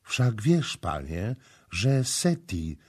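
A man's voice: fairly low pitch, big pitch swings, extremely slow, darkish tone, slightly rough, heavily acted. A man voicing a frightened young mother who speaks in a pleading, fearful way. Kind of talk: audiobook character voicing.

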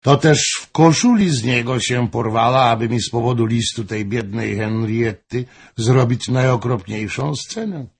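A man reading an audiobook, voicing a jovial king who talks mockingly among friends, with a husky voice. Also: mid-range voice, moderate pace. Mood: amused. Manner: mocking, chatty. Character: amused, jovial king, middle-aged man.

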